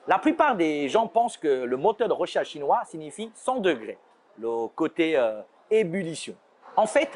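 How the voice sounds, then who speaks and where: Chinese-accented guy teaching pronunciation, voice jumps around a lot, kinda high. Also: slightly rough. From China. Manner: playful, slows down to demonstrate pronunciations. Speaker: language teacher. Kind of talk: scripted explainer.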